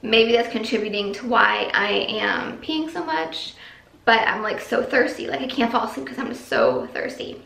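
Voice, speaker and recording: A woman's voice: on the high side, expressive, moderate pace, vocal fry, a bit bright. A young pregnant woman sitting at home, chatting casually through her vlog update, short of breath and rambling with lots of fillers. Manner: chatty, rambling, many likes. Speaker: vlogger. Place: empty nursery room at home, echoey. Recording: echoey bare room.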